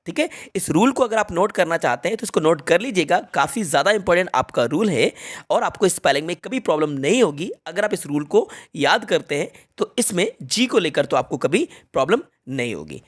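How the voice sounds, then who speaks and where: A teacher runs through spelling rules with a lively, swooping voice that moves freely up and down. Each word is spelled out letter by letter and then repeated. The students get frequent direct reminders to note the rules. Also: medium pitch, a little fast. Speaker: English teacher. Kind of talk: spelling lesson explained in Hindi.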